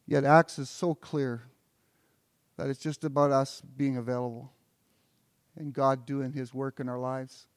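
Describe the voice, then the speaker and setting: A man's voice: mid-range voice, level tone, measured pace, long pauses, dry recording. A pastor preaching an earnest sermon, often repeating words as he builds toward a point.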